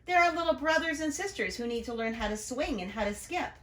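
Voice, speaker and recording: A woman's voice: high-pitched, expressive, fairly quick, a bit bright, echoey room, pitched above the performer's own voice. A woman voicing an earnest, enthusiastic male school principal in a storybook, emphatic and proudly repeating himself. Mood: earnest, announcing. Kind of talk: storybook read-aloud.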